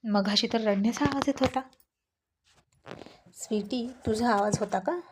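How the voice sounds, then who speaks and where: A woman's voice: fairly high pitch, normal speed, a little mellow, a little hiss or hum, close to an everyday voice. A woman voicing a middle-aged mother who questions and scolds with concern. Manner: questioning, reproachful.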